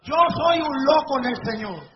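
High-voiced fervent male evangelist preaching. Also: lively intonation, normal speed. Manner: fervent storytelling, rising to shouts at climaxes. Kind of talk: live revival sermon with testimony. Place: church or revival meeting before a live congregation. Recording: dull lo-fi recording with faint noise.

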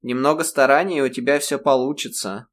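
A man voicing a self-assured teenage schoolgirl in an audiobook, giving blunt advice in a raised, brisk voice. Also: mid-range voice, fairly even intonation, pitched above the performer's own voice, close to an everyday voice. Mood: lecturing. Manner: lecturing, brisk, matter-of-fact.

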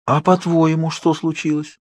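A man reading an audiobook, voicing a cold, irritated teenage boy with curt, sneering, hushed lines. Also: on the high side, little pitch movement, normal speed, dry recording, voice pushed up, close to an everyday voice.

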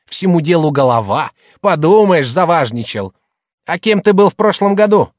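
Audiobook: man plays a shrill, scornful middle-aged merchant's wife, loud and hectoring. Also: animated, normal speed, no room sound, studio quality, natural voice. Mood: shouting.

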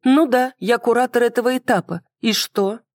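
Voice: medium pitch, moderate pace, no echo, clean studio sound, voice pushed up, close to an everyday voice. A reader voicing a sarcastic young woman in an audiobook, with teasing, exasperated questions. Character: sharp young woman, sarcastic academy curator. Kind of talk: audiobook dialogue.

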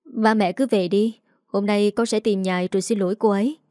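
A woman's voice: mid-range voice, fairly even intonation, brisk, warm tone, no echo, studio quality, natural voice. A woman voicing an evasive young husband who stammers out excuses. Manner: hesitant, stammering.

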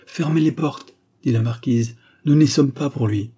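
A man's voice: mid-range voice, completely flat delivery, normal speed, mellow, husky, lightly acted. A man reading aloud gives voice to a proud young noblewoman, indignant and exclaiming. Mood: commanding. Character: young noblewoman marquise, proud, horrified, furious. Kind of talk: audiobook dialogue reading.

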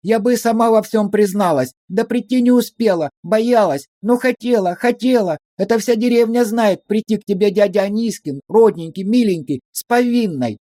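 A man puts on a high, fawning village woman who wails and pleads in a sing-song lilt, voice pushed up well above a man's own and loud, recorded dry and close. She gushes and begs without pause. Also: no room sound, lightly acted. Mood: pleading. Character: fawning, wailing village woman under questioning.

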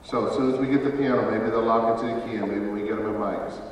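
A man's voice: fairly low pitch, fairly even intonation, quick pace, far from the mic, background noise. Man calling cues in an echoey hall. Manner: directive, calls counts and cues. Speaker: choreographer directing a rehearsal. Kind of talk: rehearsal instructions. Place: large stage hall. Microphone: far camera.

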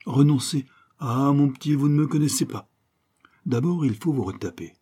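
A man's voice: medium pitch, moderate pace, warm tone, slightly rough, close to an everyday voice. A man reading a novel aloud, voicing a bold, jovial male detective who talks in a hearty, commanding way. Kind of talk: audiobook character reading.

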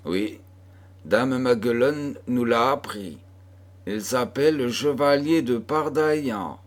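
A man's voice: medium pitch, slow, lightly acted. A man reading an anxious young daughter. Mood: pleading. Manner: pleading and fearful.

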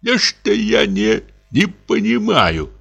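Male reader doing a paranoid village churchman, hoarse and muttering, pitched up and slow, for an audiobook. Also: wildly swooping pitch, a bit bright, dull audio, exaggerated voice. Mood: accusing. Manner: muttering, accusing, hoarse and tearful. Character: grumbling superstitious peasant sexton husband. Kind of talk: audiobook character reading.

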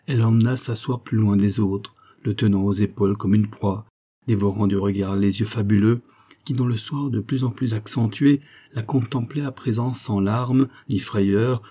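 A man reading a literary novel aloud in a measured, expressive narration. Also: lowish voice, slightly rough. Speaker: audiobook narrator.

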